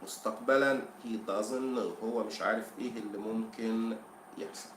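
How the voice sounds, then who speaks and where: A man with an Egyptian Arabic accent teaching English for an exam, explaining in Arabic between slow English quotes and asking the class questions. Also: on the low side, steady tone, echoey room, a little hiss or hum. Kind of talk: exam-prep lesson.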